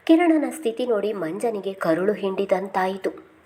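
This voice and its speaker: A woman's voice: medium pitch, expressive, a little slow, warm tone. Woman narrating a family novel. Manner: reads every character's lines herself, lifting her voice on anxious questions. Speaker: storyteller.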